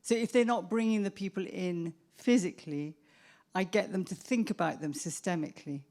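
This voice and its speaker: A woman speaks as a psychotherapist answering questions at a professional event. Her voice sits a little low, and she talks in a measured, reflective way, often restarting her sentences as she thinks. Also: a little mellow.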